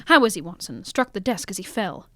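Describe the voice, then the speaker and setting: A woman playing Sherlock Holmes, a shrewd, commanding gentleman detective with formal, measured phrasing in an old-fashioned radio mystery. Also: mid-range voice, sing-song, dry recording. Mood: brisk command.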